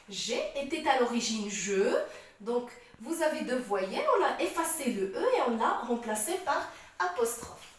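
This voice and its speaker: Slow-spoken woman teaching in an echoey room. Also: fairly high pitch. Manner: slow, repetitive explaining, checks understanding often. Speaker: French teacher. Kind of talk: classroom grammar lesson. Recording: echoey, distant, faint noise.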